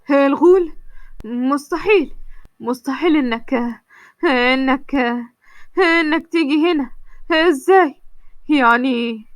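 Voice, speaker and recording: A woman's voice: high voice, fairly bright tone, dry recording. A woman voicing a terrified young man with an Egyptian accent who stammers and pleads. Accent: Egyptian Arabic.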